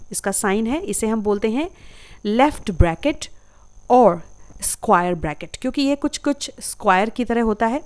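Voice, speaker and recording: A woman's voice: a little high, a little mellow. Patient woman teaching vocabulary. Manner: patient, repeats each term carefully. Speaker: English teacher. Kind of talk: slow explanatory lesson.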